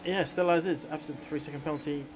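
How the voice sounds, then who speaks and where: A man's voice: a little high, fairly even intonation, quick pace, noisy background. A man working as a motorsport commentator, giving conversational analysis of the race. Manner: motorsport commentator explaining incidents and strategy.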